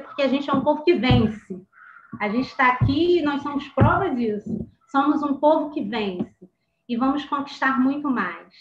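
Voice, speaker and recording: A Brazilian woman with a high voice speaks as a panelist over a video call, rousing and determined. Her sound is roomy and a little dull, with faint noise underneath. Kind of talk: live-streamed panel talk.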